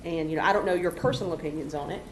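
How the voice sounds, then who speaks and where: Woman at the podium: low pitch, earnest, halting delivery, roomy chamber recording. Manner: earnest, halting, many "you know" fillers. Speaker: public commenter at a city council meeting. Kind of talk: public comment speech. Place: city council chamber. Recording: echoey council chamber recording, faint hum.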